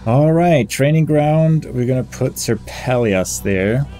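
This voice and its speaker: A gamer hosting a playthrough commentates casually, thinking aloud and muttering through options as he reads game text. His voice is medium-pitched, expressive, slow and mellow, with game music in the background.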